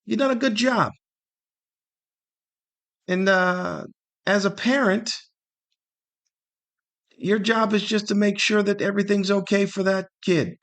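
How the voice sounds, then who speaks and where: Here the middle-aged American comedian's voice is high-pitched and a bit bright, with fairly even intonation, a slow pace and long pauses. Hosting his podcast alone, he rambles conversationally and sometimes acts out imagined remarks.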